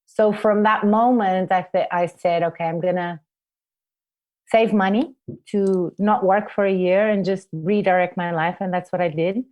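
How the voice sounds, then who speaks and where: A woman's voice: medium pitch, steady tone, normal speed, dull audio. A woman in her forties from Portugal, telling her life story reflectively in an interview. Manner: reflective, soft-spoken, restarts with fillers. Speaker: guest, forest therapy guide trainer.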